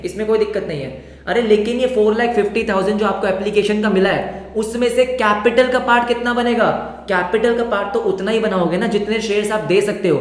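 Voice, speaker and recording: A man teaching an accounts class live. He repeats phrases often and keeps urging students to answer quickly. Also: high-pitched. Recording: echoey hall.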